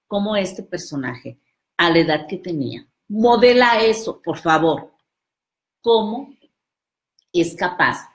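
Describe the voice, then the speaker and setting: A woman giving a live motivational talk, emphatic and speaking directly to the listener. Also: on the low side.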